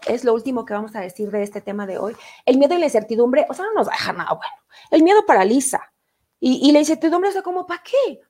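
High-voiced chatty Mexican woman host. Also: a little mellow. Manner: chatty and playful, many fillers, reads out viewer comments. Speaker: host of a live online show. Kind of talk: casual live-stream chat.

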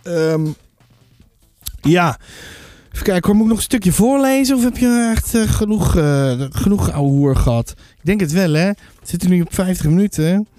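A woman's voice: lowish voice, lively intonation, moderate pace, dark tone, no echo, faint music behind. A woman in her thirties from Drenthe hosting a podcast, chatting casually and rambling with many fillers and restarts. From Drenthe, Netherlands. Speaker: podcast host, book reviewer. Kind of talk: casual chat.

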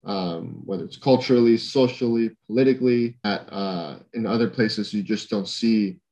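Young guy from honduras chatting on a podcast, lowish voice, lots of um and you know. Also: normal speed, dark tone, rough recording. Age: young adult. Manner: thoughtful, lots of fillers and restarts. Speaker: podcast guest. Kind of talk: casual conversation.

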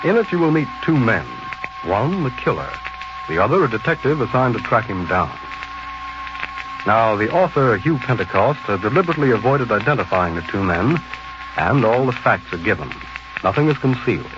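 A man playing a sly, ghoulish host in the theatrical, deliberate manner of a vintage horror radio narrator. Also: mid-range voice, very animated, natural voice. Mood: sly, ominous. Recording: muffled old radio, loud music behind.

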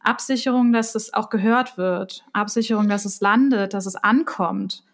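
A woman's voice: medium pitch, moderate pace. A woman hosting a conversation, listening closely with frequent murmured agreement and sharing her own view. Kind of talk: conversation, interviewing.

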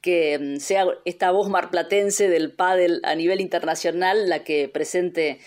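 Radio host lady wrapping up an interview, somewhat low voice, hums between thoughts. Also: steady tone, a little slow, a little mellow.

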